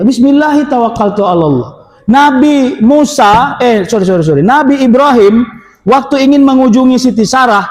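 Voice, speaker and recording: A male Islamic preacher gives a lively lecture full of stories, questions the audience, acts out quoted voices and sometimes bursts into shouts. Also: very high voice. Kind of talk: lively religious lecture with storytelling. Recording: echoey hall with long reverb.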